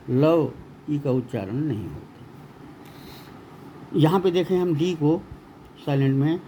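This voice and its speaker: A man teaching an English grammar lesson, speaking slowly and deliberately and repeating words for emphasis. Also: fairly high pitch. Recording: dull lo-fi sound with faint room noise.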